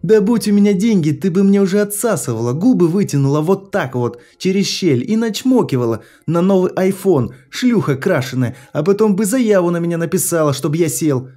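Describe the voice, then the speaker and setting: A man reading an audiobook, voicing a spiteful teenage boy who screams taunts and breaks into a shrill falsetto. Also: very animated, normal speed, warm tone, soft background music. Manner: screaming taunts, mocking simpering put-on voice.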